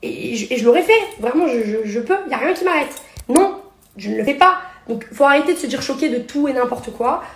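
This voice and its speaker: A woman's voice: sits high, lively intonation, roomy sound. A young woman and reality TV personality ranting sarcastically in a social media story, talking into her phone. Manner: indignant, sarcastic, rapid-fire. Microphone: phone held at arm's length.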